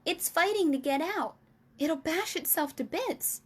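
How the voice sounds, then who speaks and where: A curious little girl from a children's storybook, played by a woman. Her voice is extremely high and lively, rising and falling freely. She exclaims everything with excitable emphasis. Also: moderate pace. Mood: alarmed. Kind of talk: children's storybook character reading.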